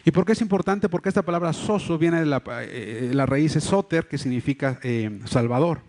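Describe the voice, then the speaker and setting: A male pastor with a Mexico City accent delivers a live church sermon. His voice sits a little high for a man, and he talks in an earnest, explanatory way, often restarting phrases and pausing on fillers as he works through each point. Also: lively intonation, a little mellow. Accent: Mexico City Spanish. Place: church hall. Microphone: livestream microphone.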